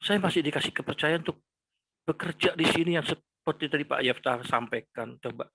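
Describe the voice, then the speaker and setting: A man in his sixties giving a casual faith testimony, rambling and repetitive, dropping into quiet asides. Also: on the high side, a little fast, husky, no room sound, poor audio. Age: 60s. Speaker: speaker giving a personal testimony.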